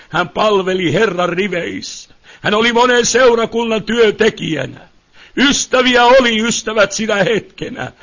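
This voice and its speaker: A man's voice: sits high, fairly bright tone. A man preaching a fervent sermon. He speaks straight to his listeners and rises to pleading cries. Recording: dull lo-fi sound.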